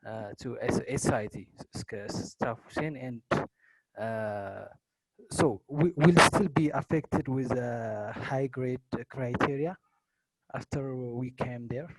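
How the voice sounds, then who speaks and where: A young man from Ethiopia asking a question in an online session through a fuzzy, distorted microphone, talking haltingly and repeating words. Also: medium pitch, no room sound. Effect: fuzzy, distorted microphone sound. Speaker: prospective student asking a question.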